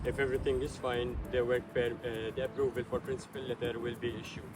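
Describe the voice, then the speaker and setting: Flat-voiced man from Syria. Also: mid-range voice, fast, over loud music. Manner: flat, friendly, hesitant with many fillers. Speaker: guest, hotel HR worker. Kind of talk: casual interview. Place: outdoor park.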